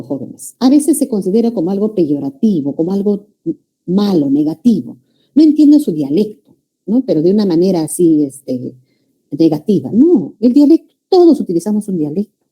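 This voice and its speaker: A woman giving a pre-university language lecture, often checking in with her students with a quick "ya?" or "no?". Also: medium pitch, warm tone. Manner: calls students "jóvenes", checks understanding with frequent "¿ya?" and "¿no?". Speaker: language teacher.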